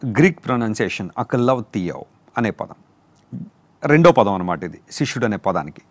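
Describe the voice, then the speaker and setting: A man preaching a sermon, explaining terms slowly and repeating each word. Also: on the low side, very animated, no room sound. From India. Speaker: pastor. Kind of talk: sermon teaching on word meanings.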